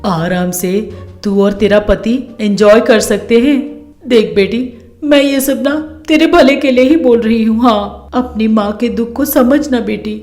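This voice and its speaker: A woman voicing a scheming, bossy middle-aged mother-in-law who scolds and coaxes loudly in a storybook tale. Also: a little high, measured pace, soft background music, close to an everyday voice. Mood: coaxing. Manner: scolding, coaxing, loud.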